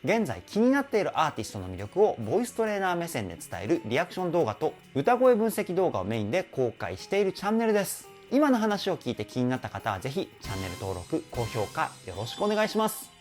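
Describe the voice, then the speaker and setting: A man talks as a vocal trainer hosting his own reaction channel. He explains singing technique eagerly and keeps saying how cool it sounds, his pitch rising and falling a lot. Faint music plays behind him. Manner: enthusiastic, explanatory, often exclaims how cool it is. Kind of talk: reaction video and singing analysis.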